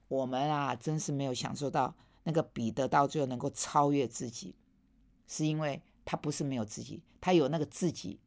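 A woman preacher giving a sermon, earnest and pressing her listeners with pointed rhetorical questions, sometimes dropping to a soft, quiet voice. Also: deep voice.

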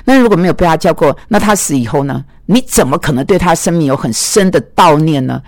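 Gravelly man telling teaching anecdotes. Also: fairly high pitch, quick pace, dry recording, studio quality. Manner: animated storytelling, voices quoted dialogue. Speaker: biblical counseling teacher. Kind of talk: lecture with personal anecdotes.

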